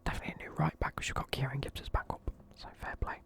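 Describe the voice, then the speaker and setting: A man's voice: rapid-fire, a bit bright. Sleepy whispering young man. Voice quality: whispering throughout. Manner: casual, sleepy, swears offhand. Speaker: video creator. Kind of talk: whispered football team review.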